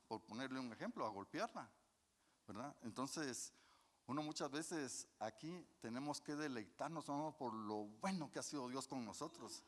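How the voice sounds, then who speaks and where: A man preaching a folksy sermon, often calling his listeners brothers and asking them questions that he then answers himself. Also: medium pitch. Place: church hall. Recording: long church reverb.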